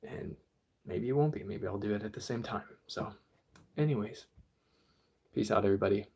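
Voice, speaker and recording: Low-voiced man rambling on a livestream. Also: normal speed, vocal fry, dark tone, slightly rough. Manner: rambling, many fillers and trailing-off asides. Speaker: beatbox livestreamer. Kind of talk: casual livestream tutorial.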